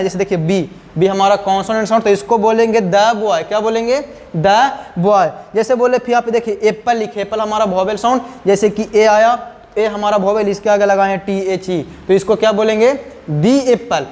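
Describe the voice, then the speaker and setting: A man teaching English grammar in a lesson, often asking the listener questions and answering them himself. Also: high voice. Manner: repeats and quizzes the listener with questions. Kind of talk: classroom lesson. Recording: long hall reverb.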